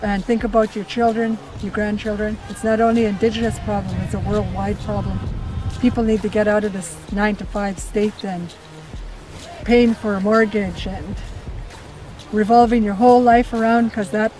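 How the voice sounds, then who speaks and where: A woman's voice: medium pitch, flat delivery, moderate pace, dark tone, soft background music, poor audio. A woman interviewee speaking with urgency, exhorting listeners and repeating her key points. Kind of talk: impassioned interview answer.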